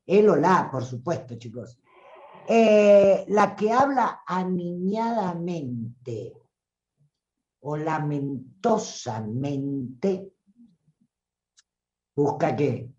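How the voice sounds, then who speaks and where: A woman with a Rioplatense Spanish accent, a voice coach giving an animated live-streamed talk who acts out voices and calls listeners "tribu". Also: sits low, echoey room, dull audio.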